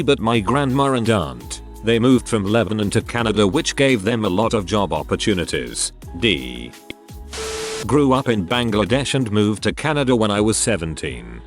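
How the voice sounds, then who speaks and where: A man narrating a string of short online posts in a scripted reading voice. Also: fairly low pitch. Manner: reads out short posts one after another.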